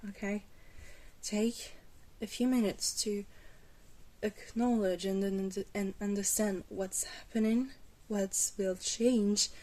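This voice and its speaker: Taking it slowly with a steady tone, a woman portrays a glamorous vampire mentor in ASMR roleplay, sounding gentle and reassuring. She is patient and gently wry, with a soft, hesitant delivery at a medium pitch that stays close to an everyday voice.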